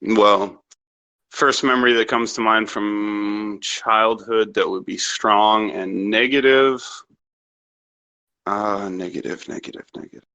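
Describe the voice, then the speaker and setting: A young man from Canada talks on a podcast in a slightly low voice with a bright, tense edge. He rambles through his answers, swearing freely and sounding sure of himself. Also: steady tone, slow pace, rough recording. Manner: rambling, profane and self-assured. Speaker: interview guest. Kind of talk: casual podcast interview.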